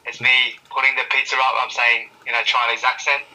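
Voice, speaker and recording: A man talking casually as an interview guest, relaxed and rambling, with lots of fillers and restarts. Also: mid-range voice, brisk, far from the mic, rough recording. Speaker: interview guest, social media creator.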